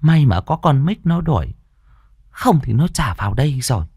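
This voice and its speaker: A man's voice: medium pitch, big pitch swings, moderate pace, dark tone, slightly rough, no echo, studio quality, voice pushed up. A man voicing a stern scolding old grandmother. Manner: scolding, knowing.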